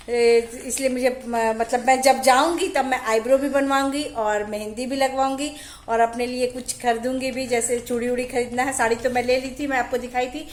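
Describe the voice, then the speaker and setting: A woman, chatting quickly and freely to camera at home as a home vlogger. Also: on the high side. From Jharkhand, India. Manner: chatty, talks fast. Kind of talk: casual chat to camera. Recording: echoey room with faint music.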